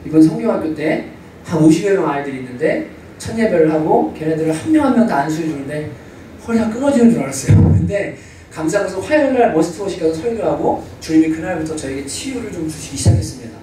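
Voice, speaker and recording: A male pastor preaching in a church, his pitch rising and falling with lively expression. He acts out scenes as he tells them. He is picked up from a distance, with heavy echo from the hall and faint background noise. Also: fast talker. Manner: animated storytelling, acting out dialogue. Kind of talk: sermon. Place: church sanctuary.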